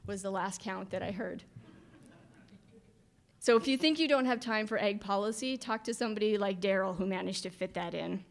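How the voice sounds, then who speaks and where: Woman giving a wry conference speech. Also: mid-range voice. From Canada. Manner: lively, wry asides. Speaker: farm association director. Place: hotel conference room. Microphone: podium microphone.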